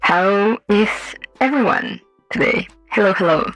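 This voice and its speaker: A woman's voice: medium pitch, lively intonation, measured pace, a bit bright, dry recording, faint music behind, poor audio. A woman streamer greeting her chat through a voice changer filter, chatty with squealy bursts. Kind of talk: casual live-stream chat.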